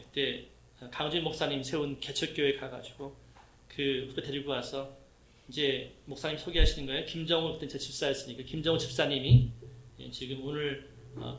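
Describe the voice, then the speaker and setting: A middle-aged man preaching a conversational sermon, telling lively personal stories, acting out voices and asking the congregation questions. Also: mid-range voice, echoey room. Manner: lively storytelling, acts out quoted voices, asks the congregation questions. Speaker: pastor.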